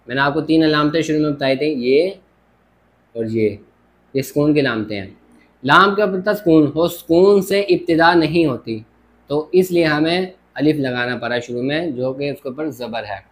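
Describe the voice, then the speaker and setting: Guy teaching grammar at a whiteboard, kinda high voice, keeps saying ok got it. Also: moderate pace, a little hiss or hum. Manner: explains step by step, repeats "theek ho gaya". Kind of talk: classroom lecture at a board.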